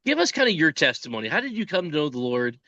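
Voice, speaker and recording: A man's voice: fairly high pitch, big pitch swings, fast talker, sharp tone, no echo, muffled recording. A man hosting a podcast interview, chatting in a folksy, joking way from outdoors by a pond. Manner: folksy, joking, with frequent restarts. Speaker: podcast host. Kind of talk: casual interview chat.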